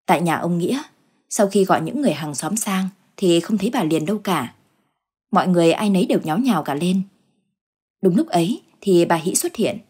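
A woman storyteller giving a measured, dramatic scripted narration of a ghost story. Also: lowish voice, darkish tone, slightly rough.

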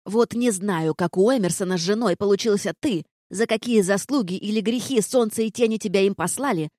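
A woman's voice: fairly quick, no room sound, studio quality, lightly acted. A woman voicing a grumpy female stone gargoyle warden who shrieks and scolds everyone. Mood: scolding. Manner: shrill, scolding, yelling.

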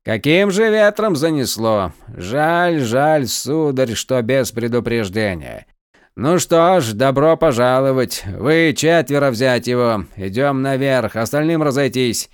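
A man voicing a male guard captain who greets a captive with drawn-out, mock courtesy and then gives orders. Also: mid-range voice, lively intonation, clear, resonant tone, no echo, studio quality, lightly acted. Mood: mock-polite.

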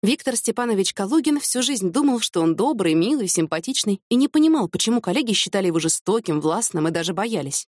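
A woman reads an audiobook in a steady, measured narration of a scripted text. Her voice is medium-pitched, and the studio-quality recording has no echo.

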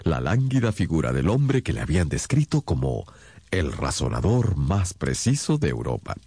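A courteous doctor, loyal companion and storyteller of a radio drama. His voice is very deep and expressive, with an earnest, measured delivery. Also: husky, no room sound, heavily acted. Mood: measured narrating. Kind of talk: radio drama acting and scripted narration.

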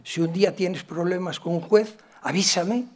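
A man from gives a talk, telling stories from his work as a psychologist and acting out the dialogue with big swings in loudness. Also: high voice, moderate pace. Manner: animated, acts out dialogue with shifts in loudness. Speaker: psychologist and educator giving a talk. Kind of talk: storytelling lecture.

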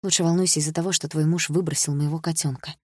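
A woman voicing a bitter, defiant teenage girl who shouts in anger. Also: low voice, fairly even intonation, fast, breathy edge, dry recording, clean studio sound. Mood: accusing.

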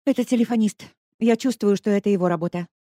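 A reader voicing a dramatic, easily panicked young woman who complains in shrill outbursts. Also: big pitch swings, a little fast, a little mellow, no echo, clean studio sound, natural voice. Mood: agitated.

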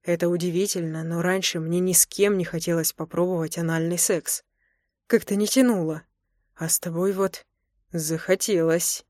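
A woman's voice: fairly low pitch, steady tone, normal speed, darkish tone, no echo, studio quality, natural voice. A woman voicing a teasing young husband. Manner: teasing, drawling, amused. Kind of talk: audiobook character voice.

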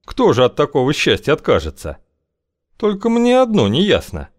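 A man's voice: a little high, huge pitch swings, normal speed, voice pushed up. A man reading an audiobook, voicing a guarded, evasive wanderer with a dry, wry way of talking.

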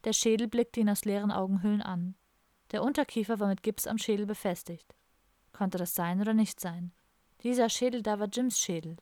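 Woman audiobook narrator, mid pitch, even storytelling; dry, close studio. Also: no room sound. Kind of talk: scripted narration.

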